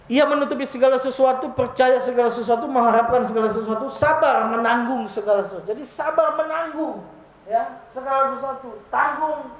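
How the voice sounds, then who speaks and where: A preacher giving an animated sermon, asking the congregation questions and answering them. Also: high voice, slight background noise. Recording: roomy, echoey room sound.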